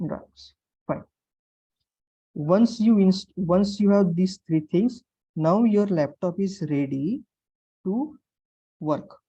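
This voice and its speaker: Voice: mid-range voice, expressive, slow, pauses often, warm tone, husky, no room sound, dull audio. An instructor with an Indian English accent teaching an online class step by step, repeating phrases and checking understanding with questions. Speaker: programming instructor. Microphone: online class call microphone.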